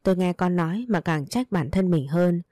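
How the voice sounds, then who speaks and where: Woman reading a first person story, heartfelt, lowish mellow voice, dry close sound. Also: moderate pace, no room sound.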